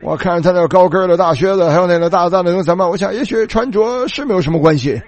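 A male preacher telling a story in a sermon, animated and repetitive, retelling dialogue as he goes. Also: high-pitched, quick pace.

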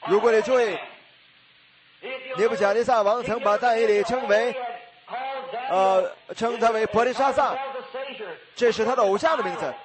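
High-voiced man preaching emphatically. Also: moderate pace, pauses often, a crowd in the background. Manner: emphatic preaching with exclamations and rhetorical questions. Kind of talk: sermon.

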